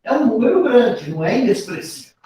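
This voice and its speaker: A man's voice: very high-pitched, sing-song, brisk, mellow. A man with a Brazilian accent teaching a grammar lesson for an exam, explaining step by step and often adding tag questions. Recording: very echoey room, voice from a distance.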